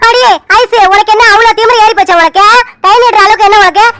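A woman voicing a quarrelsome aunt in an animated joint-family drama, scolding sharply. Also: extremely high pitch, quick pace, no echo. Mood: angry scolding.

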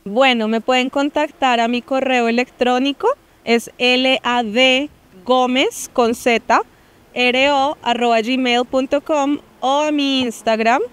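A woman's voice: high voice, steady tone, slow pace, clean tone. A woman in her thirties from Colombia with a Colombian accent, giving an earnest interview outdoors into a handheld mic, with frequent fillers. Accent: Colombian Spanish. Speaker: interviewee, project founder. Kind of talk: on-camera interview. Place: downtown plaza outdoors.

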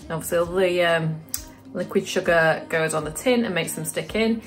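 A woman's voice: on the low side, normal speed, faint music behind. A British woman from the UK chatting casually to camera for her vlog, talking through her day as she goes. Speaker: vlogger.

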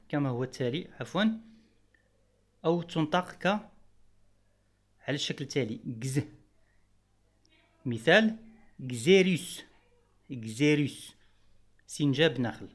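A man with a slightly higher voice than most men, speaking Arabic as a teacher. He walks through pronunciation rules step by step and repeats every example word slowly and patiently. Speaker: French teacher.

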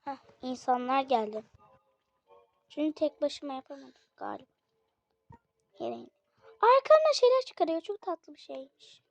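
A woman hosting a gaming channel, commenting chattily on gameplay and often calling out to her viewers with excited exclamations, sounding slightly unwell. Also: sits high, a little slow, pauses often, no room sound, faint music behind. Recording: dull lo-fi dry recording.

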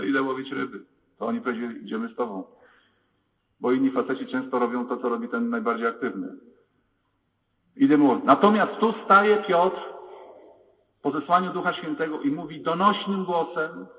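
A man, a priest, preaching a lively sermon in a large church, acting out the voices he quotes. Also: on the high side, distant mic. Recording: tinny lo-fi church recording with long reverb. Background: long church reverb.

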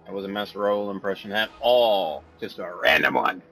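A man giving casual, goofy commentary over his gameplay, easily distracted and quick to laugh. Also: low-pitched, lively intonation, fairly bright tone, faint music behind, poor audio. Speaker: gameplay video host.

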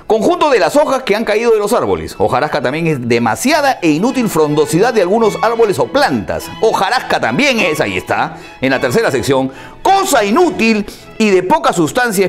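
Un hombre con acento peruano que presenta un espacio de radio y televisión. Lee definiciones de diccionario, se hace preguntas y las responde, y deletrea las palabras. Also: male voice, high voice. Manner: asks himself questions, then answers them; spells words out and notes their accent marks. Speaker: radio and TV host explaining word meanings. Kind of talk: reading dictionary definitions on air.

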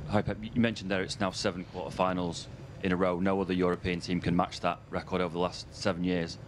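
A man with a very low, flat voice, firing off a rapid and fluent question at a press conference. Faint room noise sits under his speech. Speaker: reporter.

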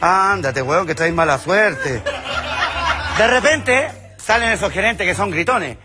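A man in his fifties with a Chilean accent doing a crude, loud stand-up routine, slipping into quick character voices. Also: high-pitched, animated, over music. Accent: Chilean Spanish. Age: 50s. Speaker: stand-up comedian.

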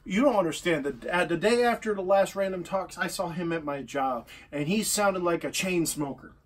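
A man co-hosting a casual podcast chat, chatty and quick to argue a point. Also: high-pitched, far from the mic. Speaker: co-host.

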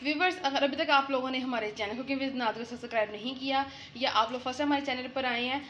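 A woman's voice: high voice, fast talker, a bit bright, slight background noise. A woman from Punjab, hosting a cooking show and chatting eagerly to viewers while prompting her mother. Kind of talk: casual cooking-show presenting.

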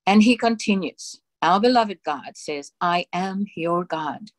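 A woman minister reads a sermon aloud in a slow, solemn, measured voice. Her pitch sits somewhat low, and the recording is dry and close with no room sound. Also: no echo. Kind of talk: sermon reading of spiritual dictations.

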